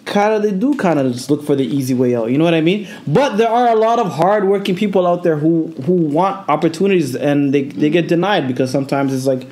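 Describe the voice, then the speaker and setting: A man's voice: on the high side, brisk, few pauses, a little mellow. A man on a podcast panel giving earnest advice in casual talk, full of fillers.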